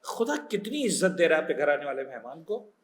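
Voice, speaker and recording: High-voiced animated Pakistani cleric. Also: male voice, reverberant. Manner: animated teacher, checks understanding with quick questions; mixes English words into his speech. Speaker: cleric teaching a pilgrimage class. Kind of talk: religious instruction class.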